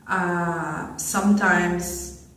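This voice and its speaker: A man's voice: high voice, steady tone, drawn-out words, fairly bright tone. A man from Syria telling his life story in an oral history interview. He speaks earnestly, with frequent fillers and restarts. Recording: echoey room, mic far off.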